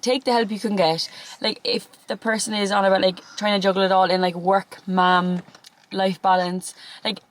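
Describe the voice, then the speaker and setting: Irish woman, twenties, casual chat, bubbly, rambling, mid-pitched voice. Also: little pitch movement, moderate pace, rough recording. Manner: chatty, bubbly, rambling with fillers. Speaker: YouTuber.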